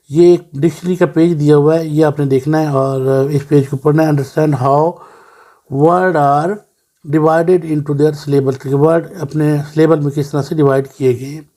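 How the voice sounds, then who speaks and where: A man with a Pakistani accent teaching a lesson to children, slowly and patiently reading out English definitions word by word. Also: fairly high pitch, dark tone. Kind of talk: classroom lesson explaining to children.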